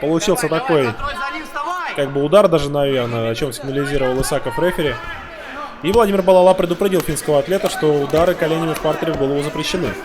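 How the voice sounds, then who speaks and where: A man's voice: a little high, fast talker. A man giving live sports commentary on a fight as its commentator. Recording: loud crowd, music behind voice. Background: crowd and music.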